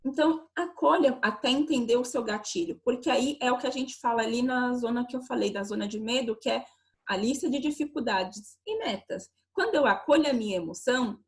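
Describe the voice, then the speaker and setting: A woman's voice: on the high side, animated, brisk. A woman giving an online lecture over a video call, explaining with many rhetorical questions.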